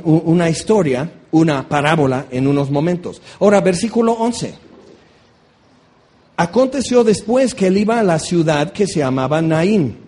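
A man preaching a lively sermon, telling stories and acting out voices along the way. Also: on the high side, husky. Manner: animated, acts out voices in asides.

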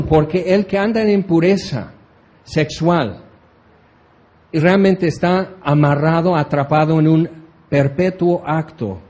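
A man teaching a Bible passage as a preacher, chatty and animated, often slipping into mock voices. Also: a little high.

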